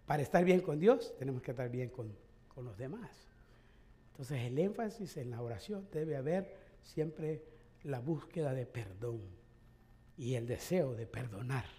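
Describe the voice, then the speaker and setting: A man's voice: medium pitch, animated, unhurried, dark tone. A male pastor in middle age preaching a sermon in a conversational way, with rhetorical questions and light chuckles.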